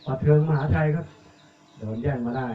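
A man giving live commentary on a village football match, reeling off player numbers and names and getting louder on attacks. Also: mid-range voice, fairly quick. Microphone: cheap tablet recording. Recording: echoey, tinny, phone-like audio.

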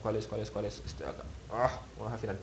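A man's voice: on the low side, little pitch movement, fast, creaky, a crowd in the background, poor audio. A man teaching web page building in a screen-recorded tutorial, thinking aloud and muttering as he clicks, with many restarts. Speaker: web development instructor.

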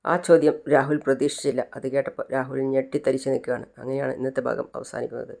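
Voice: mid-range voice, fast, creaky. An adult narrator casually retelling a TV serial episode, slipping into the characters' lines as the story goes. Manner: lively storyteller who slips into the characters' lines.

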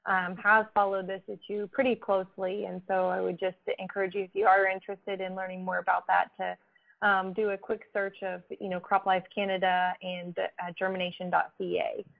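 A woman hosting a webinar reads out audience questions and politely passes them to the panelists. Her voice sits at a medium pitch and comes through a narrow, phone-like line. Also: level tone, fairly quick, creaky. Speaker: webinar moderator. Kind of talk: moderating webinar Q&A.

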